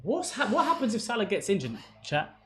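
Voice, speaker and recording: An excitable young man with a high voice talks a little fast, giving casual play-by-play of a football watchalong and chatting with viewers. Faint background noise and echo fill the room.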